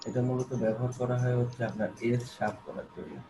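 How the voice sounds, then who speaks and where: A man gives a screen-recorded software tutorial at a quick clip, repeating and restarting as he points things out. His voice sits at a middling pitch. A clear hiss of noise runs under the recording from a desk mic. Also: muffled recording. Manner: repetitive, coaxing, many fillers and restarts. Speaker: graphic design instructor.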